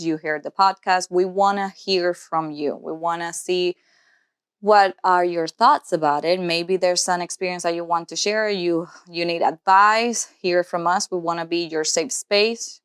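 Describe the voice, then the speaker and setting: On this studio-quality, dry recording, a fairly low-pitched woman speaks with a clear, resonant tone. Born in Cuba and in her twenties, she's a nurse practitioner and podcast co-host who thinks aloud as she talks, in an earnest, casual manner.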